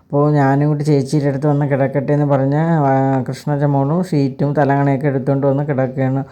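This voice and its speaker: A narrator retelling a TV serial episode in rapid, even storytelling, with frequent filler sounds between sentences. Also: mid-range voice.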